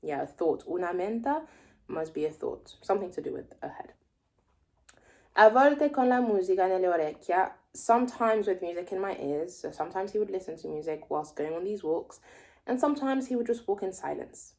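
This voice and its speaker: Speaking in a low, gravelly and slightly mellow voice, yet animated, a native French speaker in her twenties vlogs as a language learner. She reads a text aloud slowly and explains it, thinking aloud and guessing at words she doesn't know.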